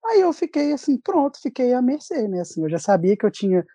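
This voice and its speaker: A man's voice: very high-pitched, big pitch swings, brisk, warm tone, slightly rough, dry recording. A young man with a Brazilian accent, telling a story animatedly in a casual chat with lots of restarts, from home over a video call. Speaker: recent graduate guest. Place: at home at his desk.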